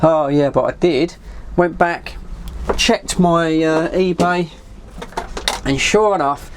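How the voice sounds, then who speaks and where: Slowly and with slight background noise, a middle-aged man with an English accent rambles casually to his viewers from a shed. He's a hobbyist vlogger and CB radio enthusiast with a fairly high voice, self-deprecating and given to mild swearing.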